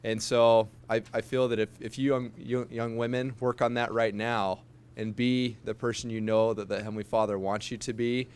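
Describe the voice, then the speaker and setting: A man's voice: medium pitch, little pitch movement, moderate pace, a little mellow, smooth. A man in his twenties speaking sincerely and plainly on a panel. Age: 20s. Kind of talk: casual panel answers.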